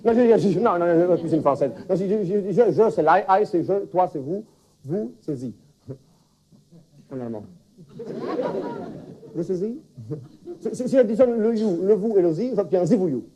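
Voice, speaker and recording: A man's voice: high-pitched, expressive, moderate pace, long pauses, warm tone. A man playing a flustered foreign language teacher in a stand-up comedy sketch, stammering through puns with a put-on accent. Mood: rambling. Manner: stammering wordplay, restarts. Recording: 1979 television broadcast.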